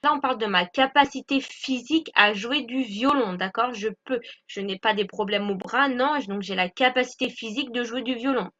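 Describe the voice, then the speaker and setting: A woman's voice: a little high, normal speed, few pauses, sharp tone. A woman explaining an English grammar lesson, patient and repetitive, checking in often with her listeners. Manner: patient, repeats points with "d'accord?" checks. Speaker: English teacher. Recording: dull lo-fi recording.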